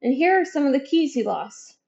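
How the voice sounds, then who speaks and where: A woman's voice: high voice, sing-song, brisk, gravelly, a little mellow, roomy sound, pitched above the performer's own voice, full character voice. A woman reading aloud, voicing a friendly, helpful little girl. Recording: dull lo-fi recording.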